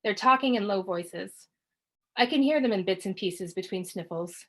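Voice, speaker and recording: A woman reading her first-person story aloud at a book launch, measured and quiet. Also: medium pitch.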